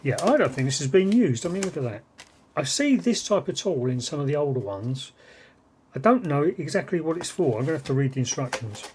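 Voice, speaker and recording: Very animated and brisk, this British vlogger has a slightly high, darkish voice with a touch of hiss or hum. He rambles unscripted while showing vintage cassette gear in a casual unboxing.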